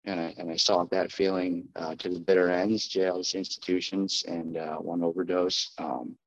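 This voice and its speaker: Low, even-voiced American man addressing an audience. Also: highs cut off. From New Jersey, United States. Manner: addressing a live group, plainspoken, halting. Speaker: speaker at a recovery meeting. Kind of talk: personal testimony in front of an audience.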